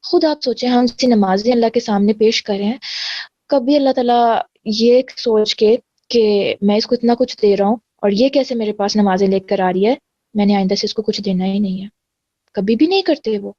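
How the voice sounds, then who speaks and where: A woman's voice: medium pitch, dark tone, dry recording, highs cut off. A woman teaching a religious lesson, explaining earnestly and mixing in English words. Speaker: Quran teacher.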